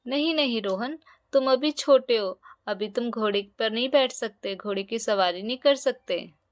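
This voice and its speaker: A woman voicing a caring mother who speaks softly and gently to her children. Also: a little high, unhurried, no room sound, studio quality, lightly acted. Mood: motherly. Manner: soft, motherly. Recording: dull lo-fi recording.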